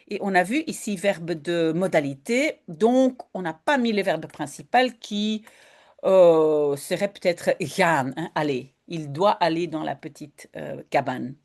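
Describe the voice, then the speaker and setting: A woman teaches a language lesson, reading a story aloud and then translating and explaining each line. Her pitch rises and falls in a very animated way, yet she keeps an unhurried, slow pace. She repeats key phrases patiently for her learners.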